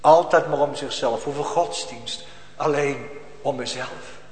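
A man preaching a sermon emphatically, repeating phrases and swinging from loud to hushed. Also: medium pitch, unhurried. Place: church. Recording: echoey church hall with faint ambience.

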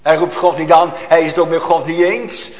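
A man preaching a sermon to a congregation, slow and solemn, rising to emphatic outbursts, recorded in a church. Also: a little high, flat delivery, reverberant, in a large hall, low-quality recording.

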